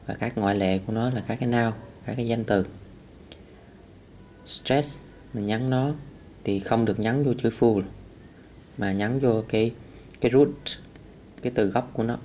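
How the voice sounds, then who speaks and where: A man's voice: medium pitch, steady tone, unhurried, long pauses, darkish tone, a little hiss or hum. A man teaching English vocabulary, saying each word several times. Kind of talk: vocabulary lesson.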